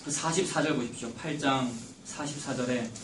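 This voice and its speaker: A man preaching a sermon as pastor, emphatic and building to loud stresses. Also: medium pitch, moderate pace, far from the mic, a little hiss or hum. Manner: emphatic preaching, rising loud when quoting Jesus. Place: church sanctuary. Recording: echoey church recorded from afar.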